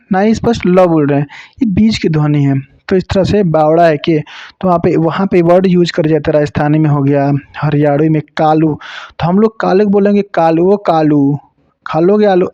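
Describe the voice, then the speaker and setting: A man from Uttar Pradesh teaching a grammar lesson for exam preparation, explaining slowly, repeating sounds and adding jokes. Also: high-pitched, mellow, dry recording. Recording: dull lo-fi dry sound.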